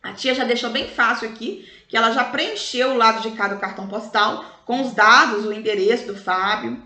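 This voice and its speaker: A Brazilian woman teaching schoolchildren in a recorded review lesson, explaining slowly and stretching out example words in a sing-song way. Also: a little high, pushed and bright. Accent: Brazilian Portuguese. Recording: echoey room.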